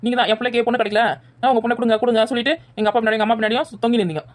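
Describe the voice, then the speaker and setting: A woman playing a defiant rapid-fire daughter-in-law. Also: fairly high pitch, steady tone, lightly acted. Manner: argumentative, talks back fast. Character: defiant young daughter-in-law, sleepy and cheeky. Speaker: daughter-in-law in a family skit. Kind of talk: village family comedy skit.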